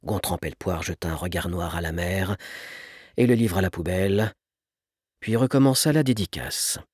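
A man reading a story aloud as an audiobook narrator in an expressive, animated way. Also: low-pitched, moderate pace, husky, no echo, studio quality.

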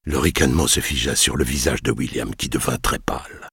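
A man with an extremely low, gravelly voice reads a novel aloud, and his husky tone swings widely in pitch for dramatic effect. The recording is close and dry, with no room sound. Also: a bit bright, no echo. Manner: measured, dramatic storytelling. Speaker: audiobook narrator. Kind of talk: scripted narration of a novel.

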